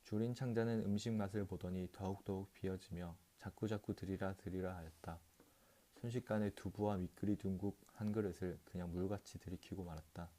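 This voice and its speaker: Low, mellow male audiobook narrator. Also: fairly quick. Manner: calm, steady reading with occasional restarts. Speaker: audiobook reader.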